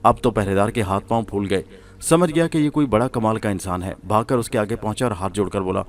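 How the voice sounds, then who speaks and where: A man reading a suspense horror serial aloud as a storyteller, in a steady, measured way. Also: fairly low pitch.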